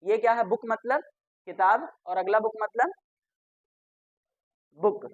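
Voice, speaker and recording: Higher-pitched woman teacher. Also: takes it slowly, no echo, lo-fi sound. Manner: asks the class questions, then answers them herself; spells words out letter by letter and repeats them. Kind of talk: classroom grammar lesson.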